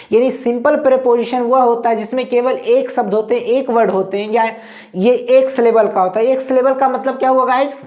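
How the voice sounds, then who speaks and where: A woman's voice: fairly high pitch, a little mellow. A woman from India with a Bihari Hindi accent, teaching English grammar in a lesson. She asks a question and then answers it herself, and often says "okay guys". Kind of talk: classroom-style grammar lesson.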